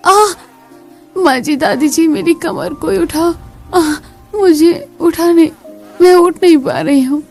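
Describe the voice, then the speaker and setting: A woman voicing a lazy, whiny elder daughter-in-law in a family skit, raising her voice high. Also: fairly even intonation, normal speed, dark tone, faint music behind, close to an everyday voice. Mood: wailing. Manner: high, whining.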